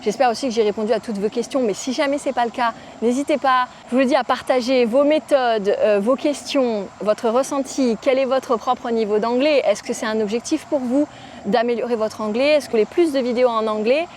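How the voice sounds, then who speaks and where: A woman's voice: on the high side, fairly quick, darkish tone, a little hiss or hum. Chatty French woman vlogging outdoors. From France. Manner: chatty, informal, frequent fillers. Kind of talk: casual talk to camera. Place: outdoors in a park. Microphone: phone camera.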